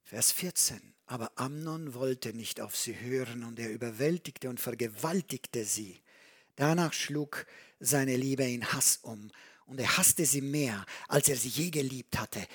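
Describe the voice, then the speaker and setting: A preacher giving a sermon, reading verses aloud and retelling the story with animated commentary. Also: medium pitch, a little slow, breathy edge.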